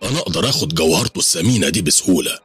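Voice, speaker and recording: A man's voice: deep voice, expressive, rapid-fire, fairly bright tone, husky, exaggerated voice. A man with an Egyptian accent voicing a vengeful young man set on a carefully plotted revenge. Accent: Egyptian Arabic. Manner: intense, determined.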